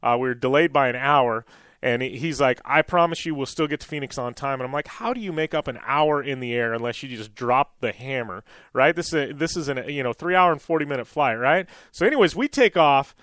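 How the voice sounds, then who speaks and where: A male radio show host telling a long anecdote in a casual, animated way with plenty of fillers. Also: medium pitch, fairly quick, no room sound, clean studio sound. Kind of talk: casual storytelling monologue.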